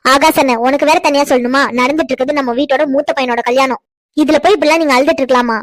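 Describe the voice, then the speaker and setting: A woman's voice: high voice, fairly even intonation, racing, dry recording, close to an everyday voice. A woman voicing a grown sister in a cartoon, who scolds and teases her brothers with affection. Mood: scolding. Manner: scolding, teasing. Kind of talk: cartoon voice acting.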